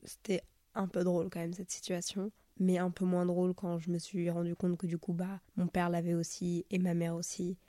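Casting: young female podcast host, sick and nasal, even-pitched, mellow, informal and confiding, close dry sound. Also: moderate pace, dry recording. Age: young adult. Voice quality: nasal, congested voice. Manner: confiding, informal, sprinkles in English slang. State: sick with a stuffy nose. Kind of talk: casual solo podcast chat.

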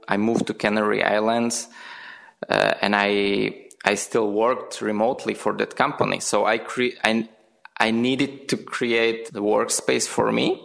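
Slow, gravelly young man from Slovakia. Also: on the low side, fairly bright tone. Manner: hesitant, repeats words. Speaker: guest, founder. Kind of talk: podcast interview.

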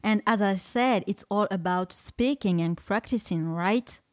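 A French woman with a French accent hosts a casual podcast interview in English, speaking emphatically and effusively. Her medium-pitched voice is unhurried, captured in studio quality with no echo.

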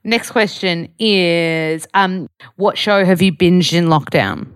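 A woman's voice: lowish voice, takes it slowly, smooth, dry recording, studio quality. A woman with a broad Australian accent hosting a casual, playful, slangy chat interview. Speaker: podcast host.

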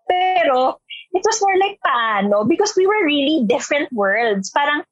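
A young Filipino woman from Metro Manila tells stories in an animated, feisty way, jumping between two languages and acting out the people she quotes. Her voice sits high and swings widely, and the recording sounds close, dry and a little muffled. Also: unhurried, dry recording. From Metro Manila, Philippines. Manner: animated, switching between Tagalog and English, acts out quoted voices; feisty, talkative. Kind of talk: casual storytelling chat.

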